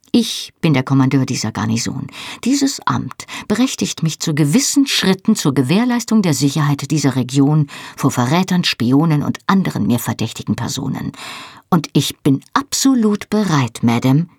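A woman voicing a stern, sarcastic male army captain who interrogates coldly and with measured condescension in an audiobook. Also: deep voice, breathy edge, no room sound, studio quality, heavily acted. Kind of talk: audiobook reading.

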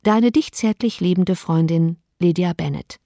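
A woman's voice: lowish voice, unhurried, dark tone, no room sound, clean studio sound. A woman voicing a giddy, thoughtless teenage girl in a read-out letter, with a breathless, carefree manner, in an audiobook reading.

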